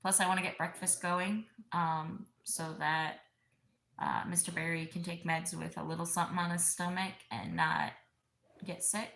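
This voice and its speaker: A woman's voice: fairly low pitch, fairly even intonation, normal speed, creaky, echoey room, a little hiss or hum. A woman streaming from home, chatting casually with her child and viewers, tired and yawning. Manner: tired, yawning, soft-spoken. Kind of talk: casual live stream chat.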